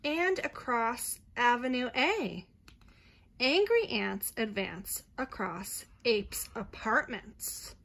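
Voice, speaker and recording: A woman reading a picture book aloud to a child in a gentle, expressive bedtime storytelling manner. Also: a little high, slow, creaky. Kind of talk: soothing bedtime read-aloud.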